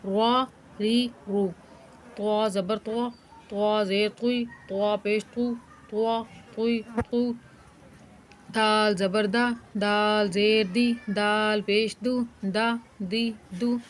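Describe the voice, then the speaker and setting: Woman teaching recitation, slow syllable drills. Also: medium pitch, little pitch movement, slight background noise. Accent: Pakistani Urdu. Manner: chants syllables slowly, then explains quickly. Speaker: Quran reading teacher. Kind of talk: recitation lesson.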